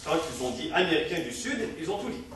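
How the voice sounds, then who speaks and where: A man's voice: fairly high pitch, very animated, fast talker, fairly bright tone. An actor playing an evasive, glib husband who chats and laughs his way around questions, on an echoey, distant recording. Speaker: husband in a comic sketch. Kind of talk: old-time recorded comic dialogue. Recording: distant, echoey, faint hiss.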